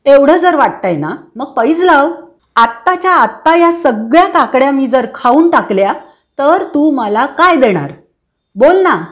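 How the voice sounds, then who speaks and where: A boastful, stubborn young man from a storybook, as a woman reading aloud puts him on. He talks in a cocky, insistent way in a fairly high voice. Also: animated, moderate pace.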